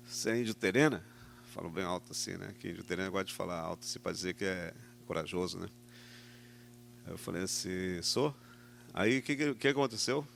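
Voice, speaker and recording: A man's voice: sits low, gravelly, a bit bright, a little hiss or hum. A middle-aged man with a Brazilian Portuguese accent telling a personal story to an audience, acting out the voices he quotes. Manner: anecdotal, tag questions, acts out quoted voices. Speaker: speaker at a talk. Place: event hall.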